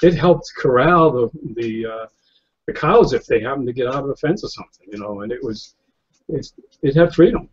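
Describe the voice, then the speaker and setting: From an office chair indoors, a guest photographer from New England, US speaks over a webcam in a slightly lo-fi video call interview. His medium-pitched, husky voice is expressive at a moderate pace, and his casual talk rambles with frequent fillers, restarts and chuckles.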